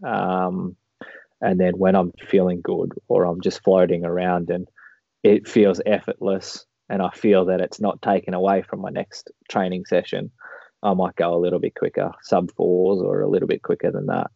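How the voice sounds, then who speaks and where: A very deep-voiced man chats casually in a rambling, laid-back way. His tone is gravelly and fairly flat. The audio is a dull, lo-fi call. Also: moderate pace, no echo. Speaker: podcast guest, marathon runner. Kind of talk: casual interview chat.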